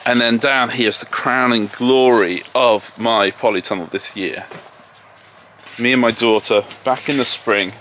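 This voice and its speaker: A chatty man from England with a bright, mid-range voice gives a casual walk-and-talk tour of his garden and orchard as a homesteader vlogger, steady and unhurried, often poking fun at himself. A little hiss or hum sits on the recording, and tractors and farm vehicles rumble in the distance.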